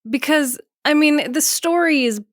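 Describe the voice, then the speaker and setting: A woman musician chatting as a podcast guest, rambling and animated, acting out her own past remarks. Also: high-pitched, a little slow, dry recording, clean studio sound. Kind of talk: casual interview chat.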